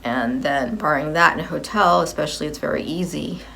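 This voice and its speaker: Low gravelly woman in her fifties. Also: fairly quick, bright, forceful tone, a little hiss or hum. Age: 50s. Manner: rambling, repeats and corrects herself. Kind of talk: personal video update.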